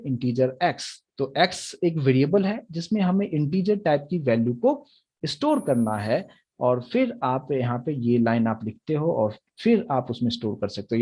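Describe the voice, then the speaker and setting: A man's voice: a little high, warm tone, slightly rough, muffled recording. A young man teaching a programming lecture, explaining step by step and often checking that the students follow. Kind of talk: recorded Hindi lecture on Java.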